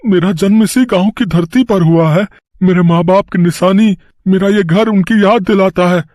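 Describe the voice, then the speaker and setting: A man's voice: high voice, moderate pace, a little mellow, dry recording, studio quality, close to an everyday voice. Man voicing an earnest village farmer. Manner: earnest, emotional. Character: stubborn village farmer devoted to his land. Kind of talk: cartoon voice acting.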